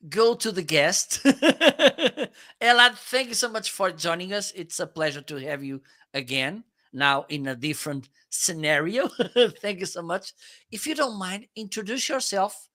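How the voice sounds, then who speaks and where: A man's voice: high-pitched, sharp tone. A man hosting a live-stream interview, enthusiastic and laughing often, asking long rambling questions. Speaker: show host.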